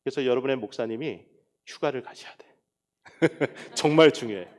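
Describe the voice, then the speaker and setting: A middle-aged man who is a guest pastor, preaching a revival sermon in a humorous, animated way and raising his voice for emphasis. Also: mid-range voice, moderate pace.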